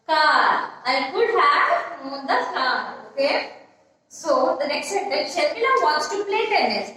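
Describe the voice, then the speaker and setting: High-pitched teacher in an echoey room. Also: female voice, pushed and bright, recorded from a distance, slight background noise. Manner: repetitive, spells out words letter by letter, asks "yes?" often. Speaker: school English teacher. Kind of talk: classroom grammar lesson.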